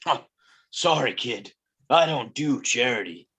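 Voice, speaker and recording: Reading live as a brash circus owner in middle age, the actor plays him blunt, joking and wisecracking. His exaggerated voice has lively intonation, a sharp tone and a breathy edge, with rapidly changing pitch.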